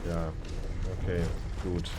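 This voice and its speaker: A man's voice: low voice, flat delivery, slow, very noisy. A man hosting a let's play, thinking aloud in casual game commentary.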